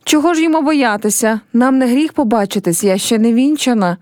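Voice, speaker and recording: A woman's voice: fairly high pitch, lively intonation, fairly quick, darkish tone, no room sound, studio quality, natural voice. A woman reading a play aloud and voicing a young village girl who is heartbroken and proud, speaking in a pleading, reproachful way.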